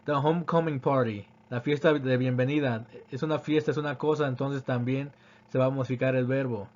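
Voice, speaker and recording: A man teaching English grammar, reading example sentences slowly and then translating them. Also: mid-range voice, fairly even intonation, a little mellow, lo-fi sound. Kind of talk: grammar lesson explaining examples.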